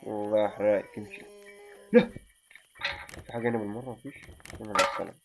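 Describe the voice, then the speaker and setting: A man's voice: on the low side, sing-song, fast, vocal fry, heavy background noise. A man with an Egyptian accent commenting as he plays a game, muttering to himself and yelping when startled. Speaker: gaming channel host. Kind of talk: live let's-play commentary. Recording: muffled lo-fi recording with faint game music.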